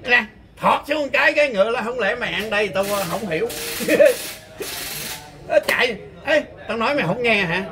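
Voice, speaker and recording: A man's voice: very high-pitched, animated, normal speed. A man with a Southern Vietnamese accent, trash-talking and teasing his opponent over a street chess game, boastful and laughing. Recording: crowd chatter behind.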